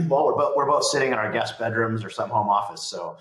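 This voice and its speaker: A man's voice: medium pitch, a little fast, a bit bright. A man speaking casually as a podcast guest from a room at home. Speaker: podcast guest, business leader. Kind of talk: casual interview chat. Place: home guest bedroom or office. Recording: roomy home echo.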